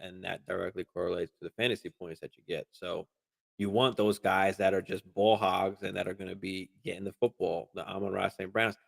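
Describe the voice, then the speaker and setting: This fantasy football host, a man streaming live, chats through audience questions casually, swearing without restraint and restarting often amid plenty of fillers. His voice is low-pitched with a creaky texture.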